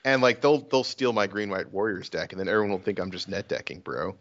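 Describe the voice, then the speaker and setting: A man's voice: low-pitched, lively intonation, fast talker, fairly bright tone, highs cut off. A man co-hosting a casual podcast, answering in short, dry joking remarks. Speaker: podcast co-host.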